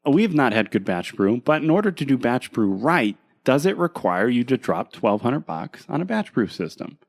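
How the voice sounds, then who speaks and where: A man's voice: mid-range voice, very animated, normal speed, vocal fry. A man co-hosting a podcast in casual chat, teasing and laughing with his co-host.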